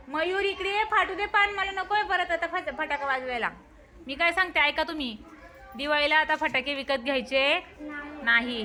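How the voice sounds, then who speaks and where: A woman's voice: sits high, pushed and bright, slight background noise. A woman teacher talking cheerfully with schoolchildren, exclaiming and calling out their names. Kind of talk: lively classroom talk with children.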